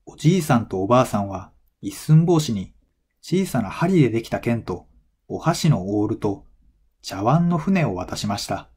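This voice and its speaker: In a slightly mellow, mid-range voice with big pitch swings, a man narrates a folktale from a script aimed at language learners. His storytelling is measured and clearly phrased.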